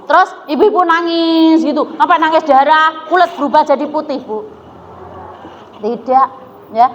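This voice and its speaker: A woman's voice: high voice, normal speed. A woman with a Javanese accent giving a religious lecture to women, telling stories and asking the audience questions. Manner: storytelling, asks the audience questions, mixes in Javanese. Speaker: preacher. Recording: dull echoey hall recording with faint noise.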